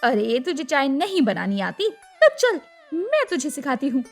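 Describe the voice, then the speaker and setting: A woman's voice: high-pitched, very animated, measured pace, faint music behind, full character voice. A woman voicing a cruel middle-aged mother-in-law in a cartoon story, shrieking insults and taunts. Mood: shrieking abuse.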